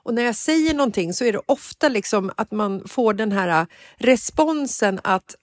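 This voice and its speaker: A woman's voice: a little high, expressive, no echo, clean studio sound. A woman co-hosting a casual podcast, chatty and agreeable, thinking aloud as she talks. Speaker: podcast co-host. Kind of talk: casual chat.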